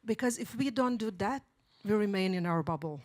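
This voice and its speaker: A woman making thoughtful conference remarks, pausing and restarting as she finds her words. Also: medium pitch, animated, a little mellow. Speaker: conference participant.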